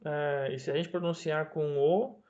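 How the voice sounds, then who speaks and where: A man's voice: on the high side, steady tone, unhurried, muffled recording. A man with a Brazilian Portuguese accent, patiently explaining a recorded Hebrew review lesson step by step, with many fillers and tag questions. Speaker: Hebrew teacher.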